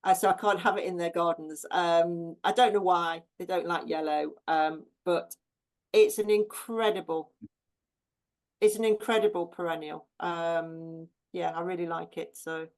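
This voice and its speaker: An English professional gardener, here as a guest, chats casually about her plants. She speaks in a lowish, steady voice at a measured pace, warm and chatty, with many ums and restarts.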